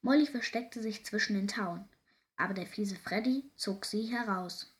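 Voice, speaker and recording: A woman's voice: medium pitch, a little slow. Woman reading a children's story aloud. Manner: lively reading with small slips.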